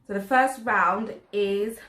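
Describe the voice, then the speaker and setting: Unhurried woman hosting a family vlog. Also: medium pitch, a bit bright, echoey room, rough recording. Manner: upbeat, directs the challenge. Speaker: mother and vlog host. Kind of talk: casual family vlog chat.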